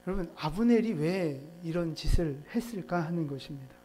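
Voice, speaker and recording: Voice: medium pitch, expressive, brisk, mellow, a little hiss or hum. A pastor preaching a sermon in a church in a conversational way, putting questions to the congregation. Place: church sanctuary.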